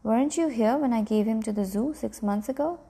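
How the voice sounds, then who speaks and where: A woman's voice: on the high side, fairly quick, mellow, breathy edge. A woman voicing a stubborn, testy old grandfather who talks brusquely and insists on his way.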